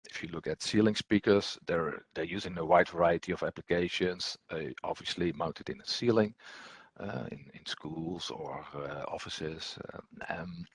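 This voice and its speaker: Close, dry audio with no room sound, slightly bright, captures a low, husky-voiced man presenting a technical training session. He goes through slides like an instructor, pausing often with ums and repeated words.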